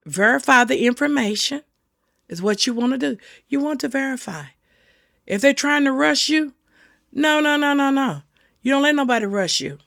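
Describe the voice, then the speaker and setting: Talking casually to camera, a middle-aged senior safety host offers sincere, homespun advice and says her warnings more than once to drive them home. She has a slightly high, creaky, somewhat bright voice, captured in a dry, clean studio recording.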